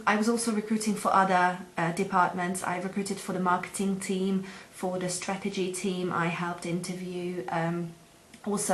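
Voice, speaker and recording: This young woman from Hungary, a native Hungarian speaker, has a rather low voice and fills her self-introduction video for employers with plenty of ums and uhs as she looks for work. Her recording carries a roomy echo and a faint background hum.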